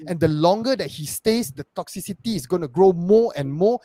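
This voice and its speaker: An earnest man arguing his point on a football fan panel. His voice sits a little high and the recording is dry and close. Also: animated, fairly quick, mellow, dry recording. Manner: earnest, insistent. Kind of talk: casual debate.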